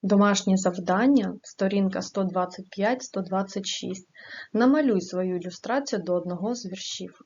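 A woman teacher reading poems and school exercises aloud, slowly and with careful recitation. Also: medium pitch, darkish tone, highs cut off.

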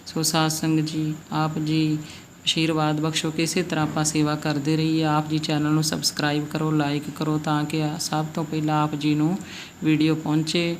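A Gurbani pronunciation teacher giving a slow recitation lesson, respectfully drawing out each syllable and repeating words for practice. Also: medium pitch, monotone, a little hiss or hum. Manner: respectful, addresses the congregation as "ji".

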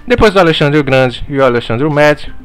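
A man playing a mock teacher in a parody online lecture, deadpan and mock-serious, swearing casually while talking over slides. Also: fairly high pitch, fast, clear, resonant tone, faint music behind.

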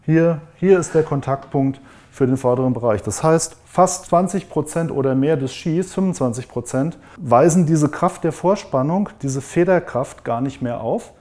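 A man in his forties calmly and methodically explaining ski design in a workshop tutorial. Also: on the high side, moderate pace. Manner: calm, methodical, demonstrates with hands. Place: indoor wood workshop.

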